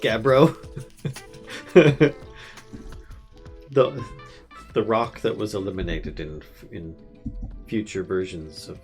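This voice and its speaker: A man's voice: on the low side, slow pace, long pauses, soft background music. A man live-streaming a modded game, chatting casually, teasing his co-player and laughing often. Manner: playful teasing, laughs often, thinks aloud.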